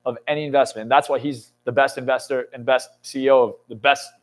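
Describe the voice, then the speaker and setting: Speaking fast in a mid-range voice, a young man in his twenties delivers motivational talk in a podcast interview from an indoor studio lounge set. He's a motivational speaker and coach whose style is intense and emphatic, peppered with swearing and building toward excited peaks.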